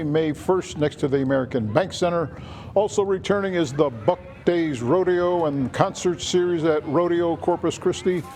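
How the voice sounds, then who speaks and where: A man's voice: a little high, darkish tone, slight background noise. A man reading local news in an upbeat, conversational way. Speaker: news anchor.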